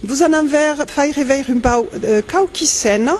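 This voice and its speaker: A woman reporter presenting a theatre event on location, speaking brightly and lively. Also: sits high, moderate pace.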